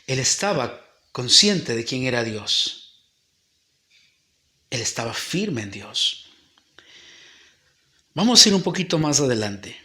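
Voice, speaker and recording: A man's voice: medium pitch, very animated, takes it slowly, long pauses, pushed and bright. A male pastor preaching a sermon with emphatic, repeated phrases. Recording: roomy echo with faint music.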